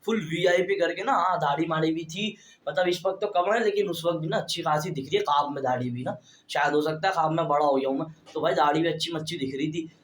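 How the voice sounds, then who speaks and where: Young man, vlogger, casual storytelling, fairly high voice, echoey room. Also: fast talker, slight background noise. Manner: chatty, keeps addressing viewers as brother; stands talking straight to camera. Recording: roomy echo.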